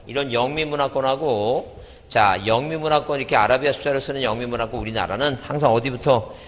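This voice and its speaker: A man's voice: mid-range voice, fairly quick, long reverb tail. A middle-aged man giving an exam-prep lecture, repeating points and quizzing his listeners with questions.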